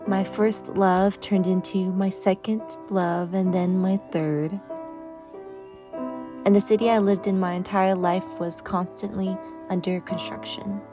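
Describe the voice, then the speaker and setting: Slow, reflective woman narrating. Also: medium pitch, little pitch movement. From Sacramento, California. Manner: measured, poetic delivery. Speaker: documentary narrator. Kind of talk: scripted reflective voice-over. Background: music.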